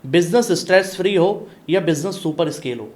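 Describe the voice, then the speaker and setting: A man hosting a business podcast, asking quick-fire questions and answering with short affirmations. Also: high voice, expressive. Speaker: podcast host, business coach.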